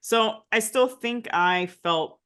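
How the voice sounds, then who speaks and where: Her voice is a little high, clear and resonant with a fairly bright tone, and she speaks slowly. She is a former diplomat, a Nicaraguan American from the United States with family in Nicaragua, telling her story in a conversational interview peppered with "right?"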